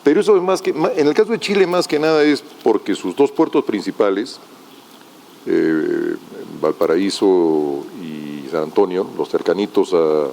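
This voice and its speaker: A man answers on a conference panel in a mellow, somewhat low voice. He speaks earnestly and with emphasis, slipping in friendly diminutives, and faint noise sits under his voice. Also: moderate pace, creaky. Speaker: logistics panelist.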